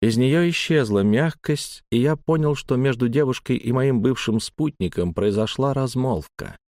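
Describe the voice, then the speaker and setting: A man reads a first-person story aloud in a calm, measured voice of middle pitch. The sound is dry and close to the mic, with no room echo. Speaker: audiobook narrator. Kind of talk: first-person scripted narration.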